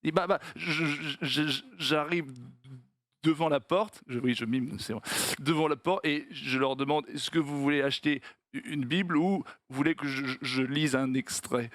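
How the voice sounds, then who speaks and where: A man's voice: a little high, moderate pace, a bit bright, dry recording, voice pushed down, natural voice. A man voicing a stuttering Bible salesman in a joke he is telling, stammering over repeated syllables. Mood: sheepish.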